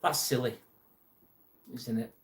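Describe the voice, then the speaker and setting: A man from England runs a live stream at a slow pace, his medium-pitched voice steady in tone. He's casual and joking as he reads viewer comments, showing mild irritation at a troll.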